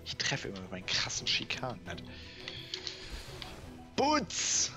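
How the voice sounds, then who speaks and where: A man talks his way through a game in a relaxed, muttering manner, now and then swearing at it. His voice is low and gravelly with a bright edge. Faint music plays behind him. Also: fast talker. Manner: chatty, muttering, swears and laughs. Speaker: let's play gamer. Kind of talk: casual game commentary.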